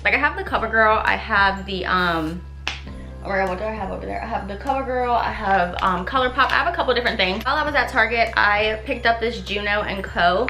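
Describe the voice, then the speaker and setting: A young woman beauty vlogger talks briskly through a makeup tutorial, playful and rambling in a casual way. Her voice sits mid-range with a sharp tone and a slightly congested, nasal quality, set in a reverberant room with faint music behind her.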